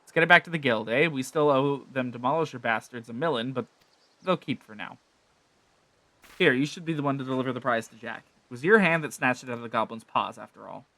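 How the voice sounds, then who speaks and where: A man doing a gruff old sea rogue. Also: medium pitch, fairly quick, fairly bright tone, no echo, close to an everyday voice. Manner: folksy, drops into slangy dialect. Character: gruff rough-spoken male sea rogue.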